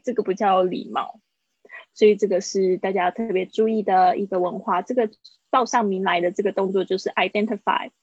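A woman's voice: medium pitch, breathy edge, no room sound. A woman teaching an English lesson online, explaining in Mandarin and modelling each English word twice. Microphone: online call. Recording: dull, dry live-stream audio.

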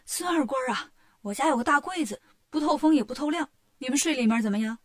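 A talkative middle-aged innkeeper who bustles about and loves making a sale, voiced by a woman reading aloud. Her voice sits on the high side and runs on cheerfully. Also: animated, fast, dry recording, clean studio sound. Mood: chatty. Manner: bustling, chatty, loud when calling out.

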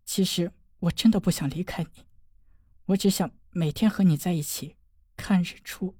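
一位女性在有声书中演绎一个温柔痴情、奄奄一息的年轻女子，说话轻柔断续，带着哭腔。. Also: female voice, on the low side, breathy edge, dry recording, clean studio sound. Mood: tender. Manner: soft, halting, tearful. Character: dying gentle young woman, tender and devoted. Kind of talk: audiobook drama reading.

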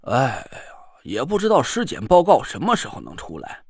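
A man's voice: medium pitch, wildly swooping pitch, moderate pace, slightly rough, no echo, clean studio sound, pitched below the performer's own voice, exaggerated voice. A man playing a sly, world-weary older police officer who mutters to himself. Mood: feigning weariness.

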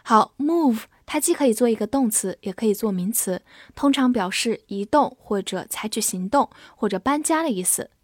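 A woman teaching English words to Chinese speakers, spelling them out letter by letter and reading example sentences slowly. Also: on the high side, animated, no echo, clean studio sound. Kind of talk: vocabulary lesson.

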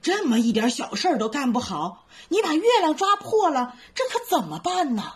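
A woman voicing an old elder monkey, fussy yet wise, in a lower, slower tone. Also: sing-song. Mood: fretting, scolding.

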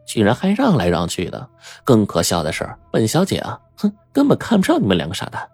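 A male storyteller voicing a spoiled, quick-tongued young woman who teases and huffs. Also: lowish voice, wildly swooping pitch, darkish tone, husky, no echo, soft background music, full character voice. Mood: sassy teasing. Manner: mocking, teasing, huffy.

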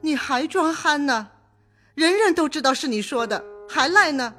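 A sharp-tongued middle-aged mother, voiced by a woman in an audio drama. She speaks high and clipped, scolding with exasperation, and faint music runs underneath. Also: lively intonation, moderate pace.

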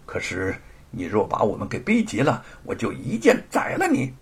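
A man voicing a cold, commanding young swordswoman in a storytelling performance, with a husky voice. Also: lowish voice, huge pitch swings, moderate pace, heavily acted. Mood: stern. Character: stern sword-wielding heroine, young woman.

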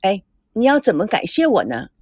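A woman's voice: medium pitch, huge pitch swings, a little fast, a little mellow, no echo, clean studio sound, pitched below the performer's own voice. A woman voicing a charming, playful young businesswoman.

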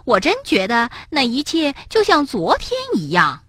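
Woman doing a squeaky, excited storybook rabbit. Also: a little slow, breathy edge, dry recording, studio quality, full character voice. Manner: high, bouncy and excited. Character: excitable little rabbit, eager and cheerful.

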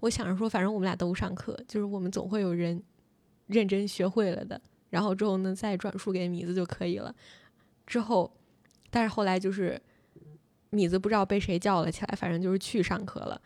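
A woman's voice: mid-range voice, steady tone, a little mellow, dry recording. A young woman telling a story about school friends in casual podcast chat, full of fillers and restarts. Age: young adult. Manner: rapid storytelling with many fillers. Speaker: podcast host.

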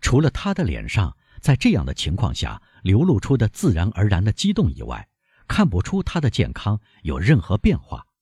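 Husky-voiced male audiobook narrator. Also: on the low side, moderate pace, no room sound, clean studio sound. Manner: expressive, dramatic.

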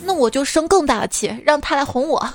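A woman's voice: high-pitched, lively intonation, a little fast, soft background music. A woman host delivering a scripted comic monologue in a playful, teasing way, often breaking into laughter. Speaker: radio host.

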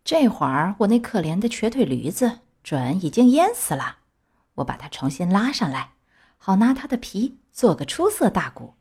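Gruff grumpy middle-aged buyer guy, low and scolding, storybook reading, woman putting him on. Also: lively intonation, normal speed, natural voice. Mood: musing.

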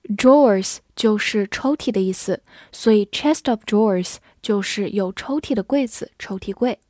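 A woman teaching English vocabulary, spelling words letter by letter and reading example sentences slowly for students to repeat. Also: medium pitch, a little mellow, no room sound, clean studio sound. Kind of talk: scripted vocabulary lesson.

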